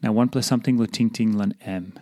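A man's voice: on the low side, steady tone, fairly quick, mellow, dry recording, studio quality. A man with a Papua New Guinean accent reading a scripted devotional for an audio recording. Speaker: devotional reader.

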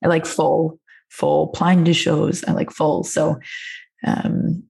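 A woman's voice: low voice, level tone, slow, gravelly, a little mellow. A woman in casual, giggly, hesitant conversation, recorded on an echoey mic in a hard-walled room. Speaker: podcast co-host. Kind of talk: casual chat. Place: indoor room with hard bare walls.

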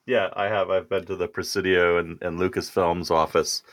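A man's voice: deep voice, level tone, moderate pace, fairly bright tone, dry recording. A man co-hosting a podcast, chatting in a laid-back way and laughing easily. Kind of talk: casual chat.

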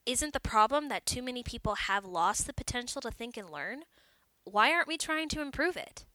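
A woman's voice: fairly high pitch, expressive, moderate pace, bright, forceful tone, no echo, voice pushed up. A woman reading a story aloud, voicing an earnest, clever young office man who asks questions in earnest. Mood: incredulous.

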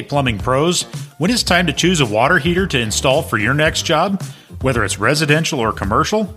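A male announcer delivers a scripted sponsor spot in a polished, salesy way. His voice is bright and forceful at a middle pitch, with music playing underneath. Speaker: podcast announcer reading sponsor ads. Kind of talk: scripted ad read.

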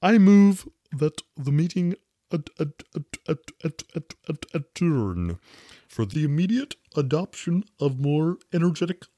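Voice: medium pitch, animated, a little slow, warm tone, no room sound, clean studio sound. A reader voicing a solemn, easily offended dodo who stammers heavily and repeats syllables. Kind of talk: storybook reading with voices.

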